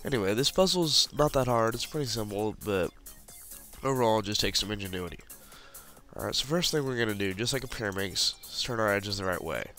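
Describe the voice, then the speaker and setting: A man with a lowish, sharp-toned voice and lively intonation speaks a little fast as faint music plays behind him. Though he has the flu and sounds congested and sniffly, he casually walks through a puzzle tutorial over a screen recording, clicking along with each step.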